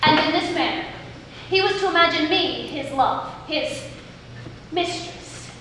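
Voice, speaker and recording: On stage, a woman plays a witty, teasing young heroine disguised as a youth, declaiming playfully in Shakespearean style with an animated mood. Her high-pitched voice is a bit bright at a measured pace, and the live performance is recorded from afar, sounding distant and echoey with faint noise.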